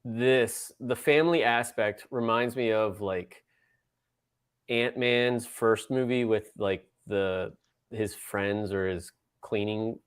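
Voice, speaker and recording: A man with a lowish voice, talking over a trailer in casual chat. He gets his views out slowly, stopping and restarting as he finds the words. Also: clean tone. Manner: hesitant, halting opinions.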